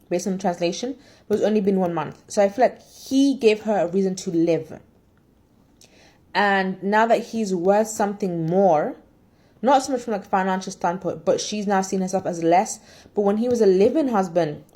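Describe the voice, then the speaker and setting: A woman's voice: mid-range voice, warm tone. A woman in casual chat, reviewing a drama in a candid, opinionated and rambling way.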